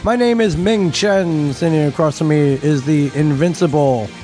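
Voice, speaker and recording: A man with a fairly high voice made rattly and chesty by phlegm, hosting a casual podcast. He banters loosely and doubles back on his words, with music in the background. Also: normal speed, darkish tone. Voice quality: phlegmy, congested voice. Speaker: podcast host. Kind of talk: casual comic-book podcast chat.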